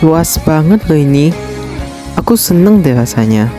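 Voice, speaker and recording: A woman's voice: low-pitched, very animated, normal speed, over music. A woman voicing a greedy, envious teenage girl. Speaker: voice actor for a fan drama. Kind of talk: amateur game drama voice acting.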